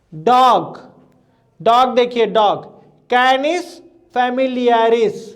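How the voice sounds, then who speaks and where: Male teacher, really high voice, drills terms and keeps asking "clear?" on a live class. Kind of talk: live online exam-prep class.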